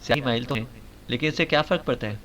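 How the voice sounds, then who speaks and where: A man voicing a serious male hospital doctor who explains matters flatly and defensively. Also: mid-range voice, a little hiss or hum, natural voice.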